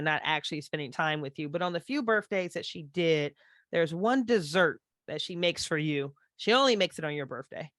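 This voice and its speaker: A woman's voice: lowish voice, fairly bright tone, no echo, studio quality. Woman narrating as game master. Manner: casual, descriptive, frequent fillers. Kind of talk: narrating a tabletop horror game.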